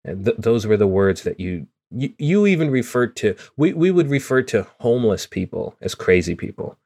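A man from Guyana with a fairly low voice, speaking earnestly on a podcast. He talks openly and at an easy conversational pace, often stumbling and restarting a phrase. The tone is candid and unguarded. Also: very animated, moderate pace, creaky, darkish tone. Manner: earnest and open, with frequent restarts. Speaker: podcast co-host.

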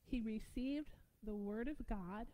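A woman preaching a sermon, excitable and prone to shouting out her points with sudden bursts. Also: on the high side, slow pace, low-quality recording.

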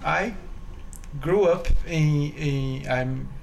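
A Brazilian pianist, speaking with a Brazilian accent, appears as a guest in a casual interview, talking earnestly and searching for his words. His voice is on the high side with vocal fry, delivered extremely slowly. A little hiss or hum can be heard.

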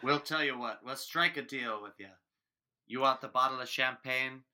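A man in an improv comedy scene, calmly proposing absurd deals in a deadpan way. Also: mid-range voice, normal speed. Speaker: improv performer.

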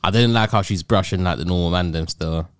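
A man's voice: deep voice, brisk, clear, resonant tone, no room sound. A man with a London roadman accent chatting casually in heavy street slang, often ending on tag questions. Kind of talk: casual podcast chat.

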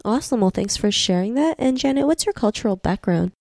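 A woman's voice: mid-range voice, animated, a little fast, creaky, a little mellow, no echo, clean studio sound. A woman hosting an interview podcast, reading formulaic welcomes, thanks and questions. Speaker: podcast host. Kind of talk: scripted interview host.

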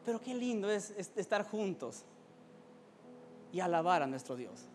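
A pastor preaching a fervent sermon, building to shouted exclamations and often repeating words as he stumbles. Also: high-pitched, very animated, moderate pace, a little hiss or hum.

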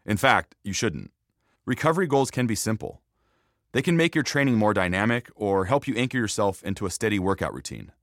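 A man's voice: fairly low pitch, sing-song, brisk, fairly bright tone, dry recording, studio quality. A man hosting a fitness podcast as a trainer, reading scripted narration.

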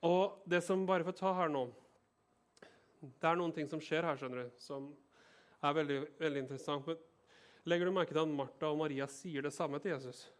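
Male pastor, slightly higher voice, reads scripture then explains it in a conversational tone and checks in with listeners. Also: smooth. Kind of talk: sermon with scripture reading.

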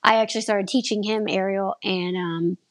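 A woman's voice: medium pitch, steady tone, moderate pace. A woman in her thirties, an aerial performer, chatting casually in an interview. She rambles and often restarts her sentences.

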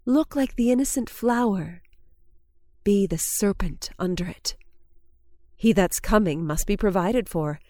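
An actress playing a ruthless, ambitious noblewoman in a Shakespearean drama, with an intense, deliberate delivery. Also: mid-range voice, a little mellow, no room sound, studio quality, lightly acted. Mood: commanding, conspiratorial. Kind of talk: dramatic Shakespearean stage-style acting.

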